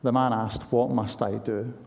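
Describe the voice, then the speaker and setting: A man's voice: medium pitch, fairly even intonation, moderate pace, creaky, darkish tone. A man preaching a sermon in an earnest, conversational way, asking his listeners pointed questions.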